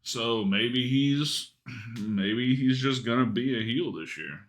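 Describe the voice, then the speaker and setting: A man co-hosting a podcast, chatting casually and reasoning through his opinions in a measured way. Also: mid-range voice. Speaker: podcast co-host. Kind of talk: casual analytical chat.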